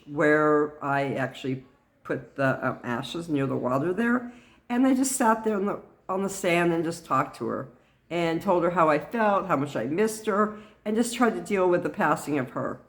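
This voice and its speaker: Earnest, halting middle-aged woman. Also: on the low side, expressive. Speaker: vlogger sharing personal experience. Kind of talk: personal talk to camera.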